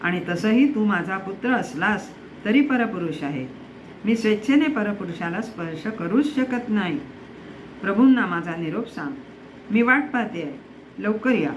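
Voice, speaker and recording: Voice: mid-range voice, expressive, normal speed, slight background noise, lightly acted. Narrator voicing dignified, firm captive queen. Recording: dull lo-fi recording.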